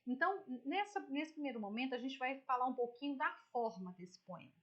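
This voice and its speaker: A Brazilian woman teacher with a high voice walks students through a poem on a shared screen. She talks in a chatty, explanatory way and keeps checking that everyone is following. The computer mic gives her voice a dull, lo-fi sound. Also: animated, fairly quick. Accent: Brazilian Portuguese. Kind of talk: online literature lesson, screen-share explanation.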